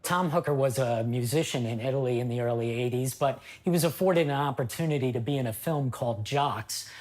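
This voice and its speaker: A man giving measured background commentary as an interviewee in a documentary. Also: mid-range voice, a little mellow, faint music behind. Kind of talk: explanatory commentary.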